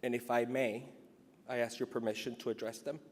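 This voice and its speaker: The speaker is a middle-aged man from Cuba accepting an award in a large hall at an awards event, emotional and earnest, partly reading from notes. His mid-range voice is a little mellow and a little fast, with little pitch movement, and the room adds long reverb.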